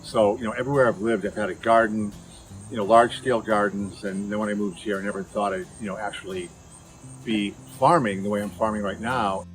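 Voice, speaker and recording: A man's voice: on the low side, steady tone, brisk, low-quality recording. A man who farms, speaking reflectively in a documentary interview and often saying "you know.". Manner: reflective, uses many "you know" fillers. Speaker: farmer.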